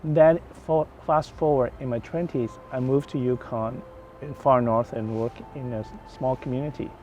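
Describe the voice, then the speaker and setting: An older man from Hong Kong, a financial advisor giving an interview in the woods, thoughtful and halting, often restarting his phrases. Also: medium pitch, steady tone, warm tone. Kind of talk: outdoor interview chat. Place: outdoors in the woods. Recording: dull lo-fi outdoor audio, faint noise.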